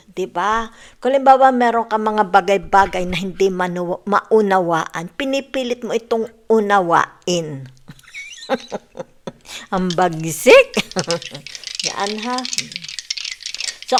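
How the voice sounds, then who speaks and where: A woman's voice: medium pitch, vocal fry. A woman from the Philippines giving a casual tarot reading, mixing English into Filipino and checking in with tag questions. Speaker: tarot reader.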